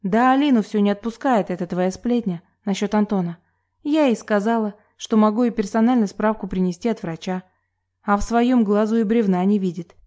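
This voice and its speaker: A woman reading an audiobook, voicing a calm, dry-witted young woman who speaks in a level tone. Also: mid-range voice, moderate pace, lightly acted.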